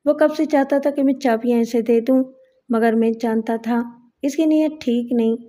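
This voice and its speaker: A woman's voice: fairly high pitch, fairly even intonation, mellow, close to an everyday voice. A woman voicing a frail, dying old male servant in an audiobook reading, confiding in a pleading way.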